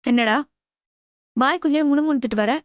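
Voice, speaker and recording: An actress playing a sharp-tongued, suspicious wife in a TV serial. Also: female voice, high voice, fairly quick, smooth, dry recording, highs cut off, close to an everyday voice. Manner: scolding, suspicious. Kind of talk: TV serial acting.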